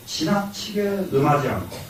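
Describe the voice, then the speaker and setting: An older monk with a Jeolla Korean accent lectures in a lively, rising and falling voice. His voice reaches the mic from across a large hall with heavy echo, and a faint room noise hangs behind it. He drives points home by repeating them and answering his own questions. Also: on the high side, moderate pace. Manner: explains by repeating lines, asks and answers himself, chuckles. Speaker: Buddhist monk lecturing on classics. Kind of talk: classroom lecture. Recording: echoey hall, mic from far off.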